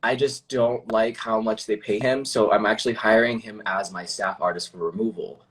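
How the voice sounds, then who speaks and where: A man's voice: on the low side, normal speed. Young man chatting loosely with fillers. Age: young adult. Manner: relaxed, filler-heavy, says "like" often. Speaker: guest, beauty artist. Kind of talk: casual chat.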